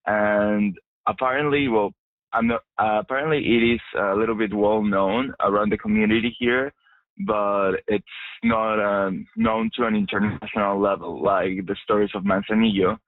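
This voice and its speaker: A man's voice: on the low side, big pitch swings, moderate pace, gravelly, dry recording. A young man from Mexico, a journalism student, answering radio interview questions with many fillers and restarts. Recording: dry, tinny phone-like line.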